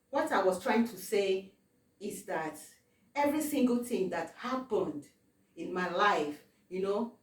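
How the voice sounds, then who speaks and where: A woman from Africa telling a personal testimony, halting, with many fillers and repeated words. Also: mid-range voice. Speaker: testimony vlogger. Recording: roomy, distant from the mic.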